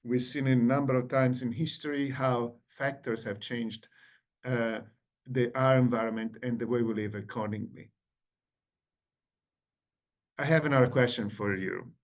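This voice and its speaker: Pausing often, an Italian-accented man in his forties from Italy speaks at a moderate pace, his medium-pitched voice fairly even in intonation. As a guest lecturer on a video call, he gives an online lecture and puts questions to his audience.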